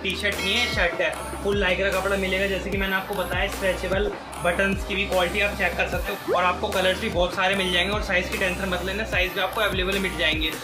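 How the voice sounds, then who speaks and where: Eager high-voiced young salesman. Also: little pitch movement, fast, few pauses, over music. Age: 20s. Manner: eager, repetitive teleshopping-style selling. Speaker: clothing shop presenter. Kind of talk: sales pitch to camera. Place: small indoor clothing shop. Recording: clear background noise, shop ambience.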